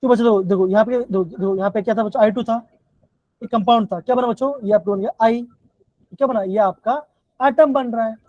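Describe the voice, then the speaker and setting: A man's voice: quick pace, no room sound. A male chemistry teacher with a Himachali Hindi accent, giving a live online class and repeating his questions to the students over and over. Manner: repetitive, keeps calling the students "बच्चों". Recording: dull, dry low-fi online class audio.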